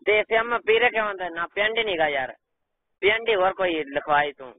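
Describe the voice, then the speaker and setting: Fast rustic Punjabi man on phone. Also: high voice. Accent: rural Punjabi. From Punjab, India. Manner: rustic, confused, insistent. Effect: heard over a phone line. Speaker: caller. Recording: tinny phone line.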